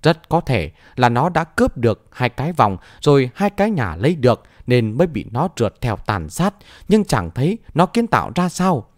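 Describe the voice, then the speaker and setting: A man doing a soft-spoken immortal maiden. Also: mid-range voice, sing-song, normal speed, no echo, studio quality, close to an everyday voice. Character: quick-witted young female immortal maiden.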